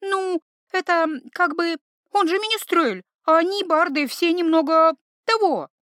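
A woman voicing a soft-hearted young female herbalist who talks in a high, pleading, excitable way. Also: a little slow, dry recording, clean studio sound.

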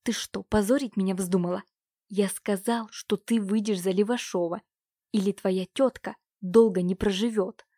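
A woman's voice: mid-range voice, fairly even intonation, normal speed, warm tone, no echo, studio quality, natural voice. A woman reading a harsh, threatening uncle. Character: cruel domineering middle-aged uncle, man.

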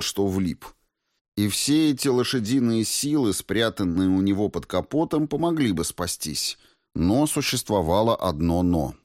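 A man's voice: fairly low pitch, no room sound, studio quality. A man reading a first-person audiobook in a terse, tense way. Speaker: audiobook narrator.

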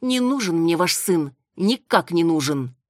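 A woman voicing a defiant, sharp-tongued young village woman who scorns an arranged match. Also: on the low side, expressive, a little slow, no echo, studio quality, pitched above the performer's own voice. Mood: defiant scornful. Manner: scornful, cutting.

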